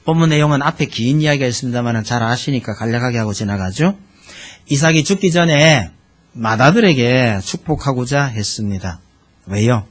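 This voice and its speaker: A man's voice: medium pitch, lively intonation, normal speed. A man preaching a sermon as pastor, talking conversationally and putting questions to the congregation. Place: church sanctuary.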